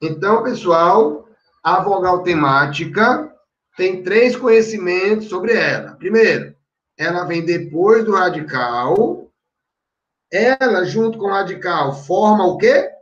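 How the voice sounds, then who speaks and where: A man's voice: sits high, animated, slow, a bit bright. A man teaching grammar for exam prep, explaining step by step and constantly checking the class is following. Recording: echoey room, distant dull mic.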